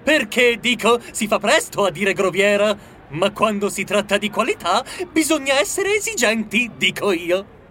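A man's voice: sits high, sing-song, normal speed, sharp tone, a little hiss or hum, exaggerated voice. A man voicing a greedy, teasing mouse cousin in a children's audiobook, boastful and cheeky. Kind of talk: audiobook character voice.

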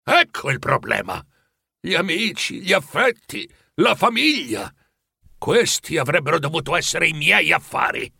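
A man's voice: big pitch swings, unhurried, creaky, pushed and bright, slightly rough, dry recording, clean studio sound, exaggerated voice. A man voicing the ghost of a dead old businessman, chained and remorseful, speaking in a mournful, pleading way for a storybook reading. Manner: mournful, pleading, rising in pitch.

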